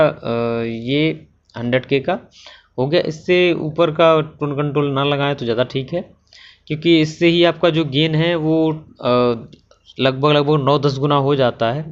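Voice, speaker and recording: A man presenting an electronics tutorial, walking through a circuit diagram step by step in a patient way with many filler pauses. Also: mid-range voice, dull audio.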